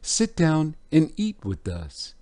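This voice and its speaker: A man voicing a gentle, welcoming young wife and mother in a told Bible story, raising his voice to sound like her. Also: fairly high pitch, huge pitch swings, slow pace, voice pushed up, exaggerated voice. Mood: inviting.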